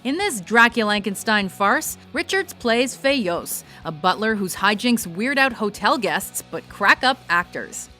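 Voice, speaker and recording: A woman's voice: medium pitch, sing-song, unhurried, hardly any pauses, sharp tone. A woman reading scripted countdown narration about films in a playful, punchy way. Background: music bed.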